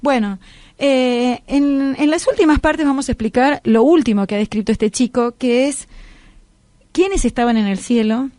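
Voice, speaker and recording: A middle-aged woman with a Rioplatense accent, hosting a radio talk show and retelling a story with lively acted-out quotes. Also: sits high, normal speed, no echo, studio quality. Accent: Rioplatense Spanish. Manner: animated storyteller who acts out quoted voices.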